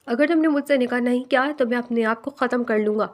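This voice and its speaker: A woman's voice: a little high, natural voice. A woman voicing a stubborn, possessive young man who insists and coaxes in a storybook reading. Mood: insistent. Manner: insistent, coaxing.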